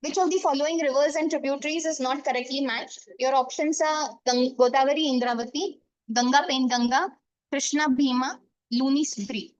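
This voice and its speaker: A woman geography teacher with a North Indian accent speaks in a high voice at a quick pace. She explains informally, slipping between English and Hindi and adding small check-ins. The sound is dry and close. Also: fairly even intonation, no room sound, muffled recording. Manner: explanatory, often checking with okay and right. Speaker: geography teacher for exam coaching. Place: online class over screen share.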